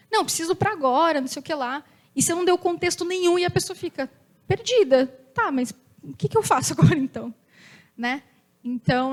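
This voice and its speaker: A young woman giving an informal, chatty talk to an audience, with a loud voice, often acting out little dialogues. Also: high-pitched. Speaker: speaker at a company talk event.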